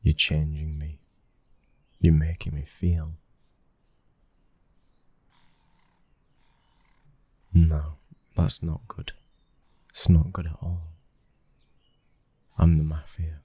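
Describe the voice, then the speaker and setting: In an intimate ASMR boyfriend roleplay, a British-accented man plays a brooding, protective young son of a mafia boss, speaking huskily, hushed and intense, often close to a whisper. His voice is extremely low, heavily acted, and free of echo, with a conflicted, tense mood.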